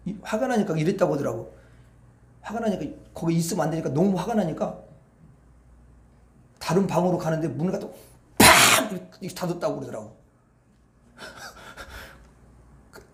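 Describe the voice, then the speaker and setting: High-voiced man preaching in an echoey hall. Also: warm tone. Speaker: pastor. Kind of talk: evening prayer meeting sermon.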